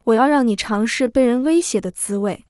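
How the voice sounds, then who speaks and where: Storybook villain, jealous young twin sister, cold and sneering, higher voice, dry sound, read by a woman narrator. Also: fairly quick, a little mellow, dry recording, lightly acted.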